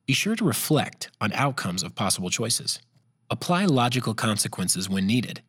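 A man narrating a scripted parenting guide in a calm, measured, even way. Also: medium pitch, husky, no echo, studio quality.

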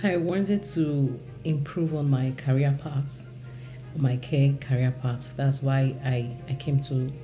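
Slow-spoken low-voiced woman from Nigeria. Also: fairly even intonation, mellow, soft background music. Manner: slow, deliberate. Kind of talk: interview answers.

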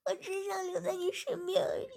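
A woman's voice: steady tone, normal speed. Woman doing a sobbing devoted young servant girl. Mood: tearful pleading. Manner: high, loud and pleading. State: crying.

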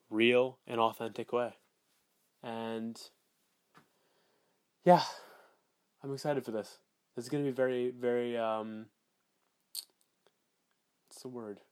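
A man's voice: mid-range voice, clean tone, dry recording. A man hosting a solo podcast, recorded as a voice memo on a phone recorder app, talking in a rambling, self-assured way with lots of filler words and swearing. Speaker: podcast host.

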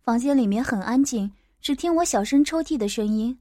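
A woman narrating a first-person story in a steady audiobook manner. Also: a little high, a little fast, dry recording, clean studio sound.

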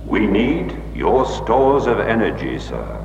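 A disembodied alien voice, deep and courteous, calling people sir with chilly formality. It rings out roomy and distant, with a long reverb tail and steady noise over the old TV soundtrack. The pitch swoops widely for drama. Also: male voice, slow pace, gravelly, dull audio, full character voice. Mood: cold polite. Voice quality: deep, announcer-like. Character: disembodied male alien voice, polite civilized villain. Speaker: alien voice from an asteroid. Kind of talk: 1970s TV sci-fi drama acting. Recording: echoey distant noisy TV soundtrack.

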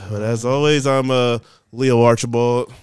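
A man's voice: mid-range voice, fairly even intonation, unhurried, clear, resonant tone, no echo. A man in his thirties co-hosting a podcast, talking casually in a laid-back, wry way. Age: 30s. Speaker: podcast co-host. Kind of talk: casual chat.

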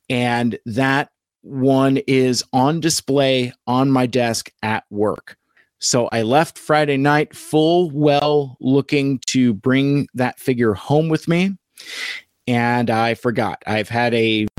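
A man talking casually to camera about his toy collection, halting and rambling with many fillers and restarts, a little worn out. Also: medium pitch, no echo. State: tired, hungover after a convention.

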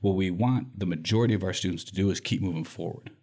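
A low, darkish male voice answers quickly. The guest is an executive director of a nonprofit, from Michigan, responding to interview questions earnestly and emphatically while frequently tagging his points with "right?".

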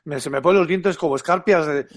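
A man's voice: on the high side, quick pace, no echo, studio quality. A man with a Castilian Spanish accent chatting casually and colloquially about games as a podcast panelist, often repeating words as he goes. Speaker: video game podcast panelist. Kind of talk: casual game review chat.

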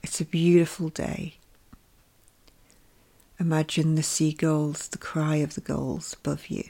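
A woman leading a guided meditation with calm, gentle instructions, her soft voice often drifting into a whisper. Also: deep voice, a little slow, creaky.

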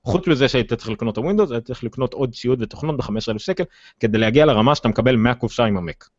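A man with an Israeli accent hosting a casual tech discussion, speaking haltingly with many filled pauses. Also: medium pitch. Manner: hesitant, halting delivery with frequent filled pauses. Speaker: tech podcast host. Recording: dull, roomy, lo-fi sound.

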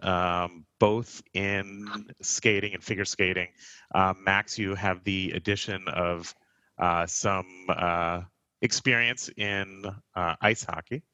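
Man, host, low voice, very bright tone, halting with fillers, dry close sound. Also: no room sound. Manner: hesitant, many fillers and restarts. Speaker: podcast host. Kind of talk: casual chat.

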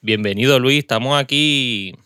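A Puerto Rican man from Puerto Rico hosts a podcast in a small studio, chatting casually in a loose interview style and drifting into asides. His mid-range voice moves at a moderate pace, sharp and clean in tone, captured in a dry recording. He speaks with a Puerto Rican Spanish accent, is chatty, and laughs often.

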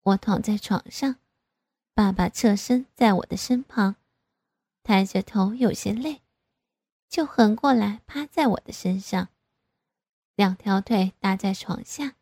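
A woman narrates a first-person story in a soft, even reading voice. Her tone is breathy and a little husky, with a mid pitch for a woman. The recording is close and dry, without any room echo. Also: measured pace, pauses often.

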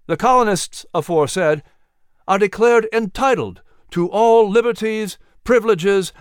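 A man's voice: high-pitched, clean tone, no room sound, clean studio sound, voice pushed up. A man voicing a defiant colonial orator declaiming formal resolutions.

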